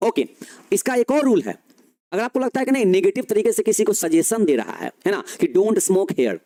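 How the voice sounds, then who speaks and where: High-voiced man teaching grammar. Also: sing-song, mellow. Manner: explains slowly, repeats key phrases, asks and answers own questions. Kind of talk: classroom grammar lesson.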